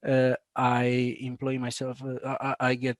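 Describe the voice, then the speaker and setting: Interviewed casually over a video call, a BIM manager from Bosnia, a man in his thirties with a Croatian accent, talks in halting speech with many fillers and restarts. His voice is flat in pitch and he laughs frequently. The audio is close and dry, without echo.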